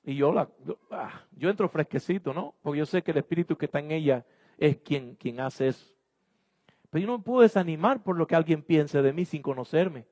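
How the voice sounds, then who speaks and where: A man's voice: a little high, animated, a little fast, a little mellow. A man preaching a sermon as pastor, exhorting his congregation emphatically in a church. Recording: long hall reverb.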